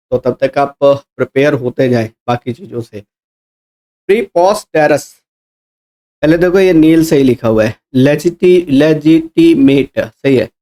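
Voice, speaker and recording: A man coaching students for an exam, his voice a little high with a soft, mellow tone. He spells tricky letter by letter, asks the class quick rhetorical questions, and catches and corrects his own slips. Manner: explains step by step, spells words letter by letter, corrects himself. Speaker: exam English teacher. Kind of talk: explaining mock test answers.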